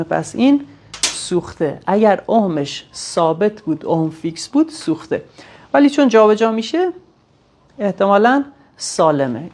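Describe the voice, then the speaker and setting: A woman's voice: fairly low pitch, darkish tone. Woman explaining sensor tests step by step. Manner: explains step by step, thinking aloud with fillers. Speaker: technician demonstrating sensor tests. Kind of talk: hands-on technical tutorial.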